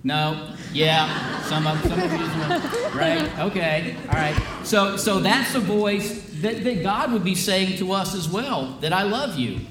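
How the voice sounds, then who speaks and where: A man's voice: sits high, sing-song, slow pace, a crowd in the background, noisy background. A male pastor giving a chatty children's sermon, asking the kids lots of questions. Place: church sanctuary. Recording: roomy, from a distance.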